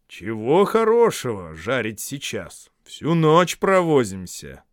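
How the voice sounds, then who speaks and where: Мужчина озвучивает старого волшебника, который хитро и протяжно подделывает голос тролля. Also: male voice, medium pitch, wildly swooping pitch, slow pace, no room sound, studio quality. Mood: grumbling. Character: old wizard mimicking a troll's voice.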